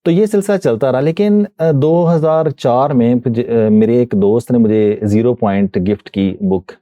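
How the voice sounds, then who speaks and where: A middle-aged man from Pakistan, a guest answering interview questions politely and hesitantly, often pausing with fillers. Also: mid-range voice, warm tone, no echo. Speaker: guest, voice-over reader of columns. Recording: dull muffled dry sound.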